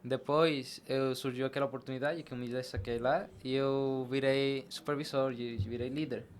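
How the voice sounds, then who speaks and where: A barber and shop team leader, guesting on a podcast, recounts his experiences in a conversational interview style. His medium-pitched voice is fairly even at a moderate pace, with a little hiss or hum in the recording.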